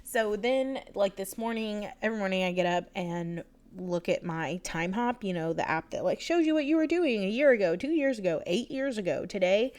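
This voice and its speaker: A woman's voice: mid-range voice, expressive, normal speed, hardly any pauses, a little mellow. Young woman rambling chattily, stuffy nose, laughs a lot. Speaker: Sims builder vlogger. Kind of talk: casual voice-over chat.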